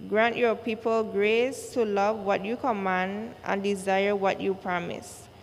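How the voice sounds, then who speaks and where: Woman worship leader reciting liturgy slowly; slight gravel, long cathedral echo, faint hiss. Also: medium pitch. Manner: slow, measured recitation. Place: large church. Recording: long church reverb, faint noise.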